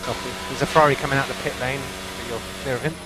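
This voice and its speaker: A man's voice: mid-range voice, fairly even intonation, racing, loud music behind the voice, low-quality recording. A man working as a race engineer, giving concise, repeated instructions over race car team radio. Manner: concise, repeats key calls.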